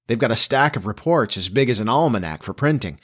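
A man voices an eager, starry-eyed nineteen-year-old farm boy in a storybook. He speaks at a medium pitch and a fairly quick pace, with an excitable, folksy, boyish manner.

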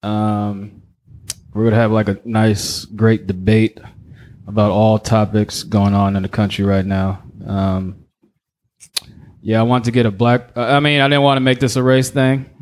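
Low-voiced man hosting a podcast. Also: little pitch movement, measured pace, a little mellow. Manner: loose, filler-heavy questioning. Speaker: podcast host. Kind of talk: casual podcast chat.

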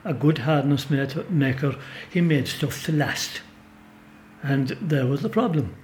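A man's voice: a little high, unhurried, a little mellow, slight background noise. An older Irish man with a Kerry accent, telling rambling, emphatic anecdotes as an interview guest in the back of a pub. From Ireland. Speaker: storyteller and folklorist guest. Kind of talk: relaxed conversational storytelling.

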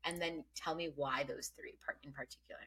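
Warm and curious, a podcast host from Bangladesh who isn't an English speaker asks questions in a casual interview, restarting often and filling gaps with ums and other fillers. Her low-pitched voice is steady in tone, brisk and slightly breathy.

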